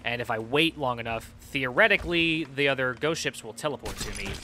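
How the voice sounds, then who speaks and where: A young man streaming a video game, excitably talking to himself as he plays. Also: mid-range voice, a little fast, slight background noise. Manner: excitable, talks to himself while playing. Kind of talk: live gameplay commentary.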